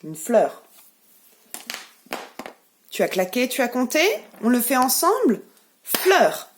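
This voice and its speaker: A woman with a French accent, a preschool teacher giving a remote lesson to young children, speaking slowly and clearly with encouragement. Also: fairly high pitch, sing-song, a little hiss or hum. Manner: slow, clearly articulated, encouraging.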